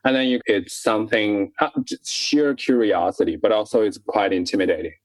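A man's voice: on the low side, fairly quick, no room sound, poor audio. A man in his thirties from China, a podcast guest speaking candidly and laughing between thoughts. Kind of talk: casual interview talk.

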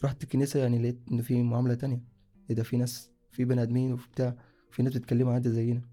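A man's voice: medium pitch, completely flat delivery, racing, mellow, soft background music. A young man from Sudan, casually telling his own story in a rambling way, often correcting himself mid-sentence. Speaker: guest sharing a personal story.

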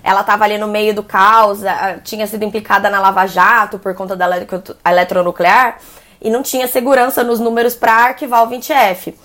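A woman's voice: mid-range voice, level tone, brisk, a bit bright. A woman journalist with a Brazilian accent, explaining energy sector news in a conversational way with frequent fillers and restarts. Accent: Brazilian Portuguese. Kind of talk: news commentary.

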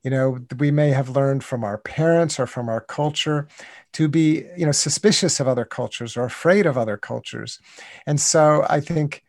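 An American man in his sixties, a contemplative writer, talks reflectively as an interview guest in a somewhat high, slightly mellow voice at normal speed. He is thoughtful and earnest, often restarting with "you know," and the studio sound is clean with no echo.

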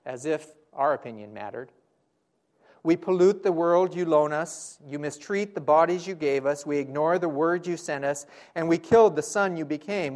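A male pastor delivers a sermon in a fairly high voice. He builds his points with rhetorical questions and repeated phrases, pushing hard on some lines and dropping almost to a hush on others. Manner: dramatic swings between loud and hushed.

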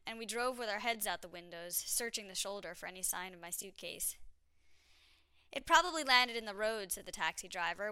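Woman telling her own trip story, wry and self-mocking, smooth clear voice. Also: mid-range voice, bright, forceful tone, dry recording. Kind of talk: personal storytelling narration.

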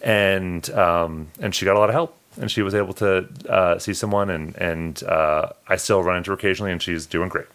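A man's voice: low-pitched, fairly even intonation, fairly quick, few pauses, a bit bright. A man co-hosting a podcast, telling heartfelt personal stories in an earnest, emotional way. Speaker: podcast co-host. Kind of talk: casual podcast chat.

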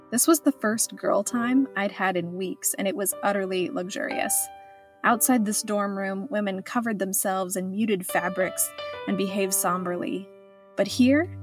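A woman reading her own travel memoir aloud in scripted first-person narration, reflective with a wry edge. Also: medium pitch.

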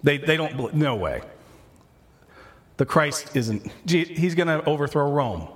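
A man's voice: fairly high pitch, animated, measured pace. A man preaching a sermon, talking through scripture casually and often restarting his sentences. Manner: conversational, self-correcting, talks through scripture casually. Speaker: pastor.

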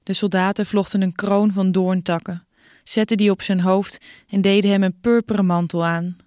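A woman's voice: mid-range voice, little pitch movement, normal speed, darkish tone, dry recording, studio quality. Woman narrating a Bible story.

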